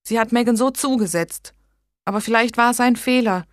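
A woman reading an audiobook gives a higher, pleading voice to a flustered, tender young woman caring for a newborn. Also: no room sound, clean studio sound, natural voice. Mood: tearful. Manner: pleading, tearful, hurried.

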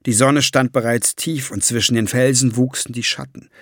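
A male narrator reads a fantasy audiobook in a measured storytelling manner. His voice is gravelly and husky, and the recording is close and dry. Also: medium pitch, fairly even intonation, fairly bright tone, dry recording.

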